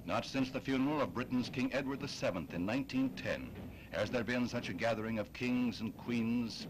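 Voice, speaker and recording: A man narrating an old 1960s newsreel in a solemn, measured, declamatory manner. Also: fairly low pitch, noisy background. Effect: old 1960s newsreel sound. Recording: old newsreel track with music. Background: music.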